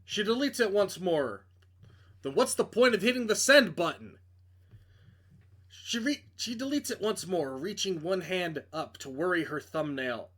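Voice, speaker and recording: During his playthrough, a streamer with a high-pitched, animated, somewhat bright voice reads the story narration dramatically at a measured pace. He trips over words occasionally and cuts away for blunt, offhand remarks.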